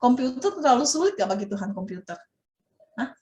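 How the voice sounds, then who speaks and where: A woman teaching Sunday school, telling a Bible story to children in an animated way and asking them questions. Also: sits high, fairly quick, echoey room, dull audio. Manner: animated, asks children questions, dramatic exclamations.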